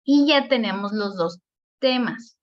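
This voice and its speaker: A woman's voice: fairly high pitch, lively intonation. Mexican woman teaching a spelling lesson. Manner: explanatory, repeats words slowly to show stress. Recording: dull lo-fi recording.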